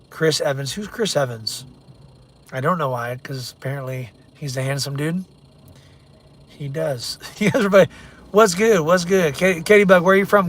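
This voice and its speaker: A middle-aged man talks bluntly from inside his car, his voice bright and forceful, pitched a little high for a man. He rambles casually through viewer comments as a livestream host, with the hum of the vehicle behind him. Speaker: real estate agent. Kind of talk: casual livestream chat while driving.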